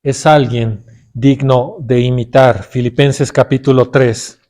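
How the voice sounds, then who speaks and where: A man's voice: medium pitch, steady tone, slow, a little mellow. A middle-aged man with a Mexican Spanish accent preaching a sermon, often calling his listeners brothers and putting questions to them.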